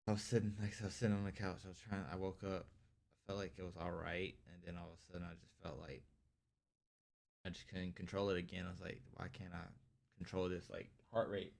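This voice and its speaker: A man with a deep, gravelly voice talks through a casual podcast chat. He rambles, leans on fillers, and sounds tired. His delivery stays low and flat. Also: fast. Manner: rambling, heavy use of filler "like". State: tired, yawning. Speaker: podcast co-host.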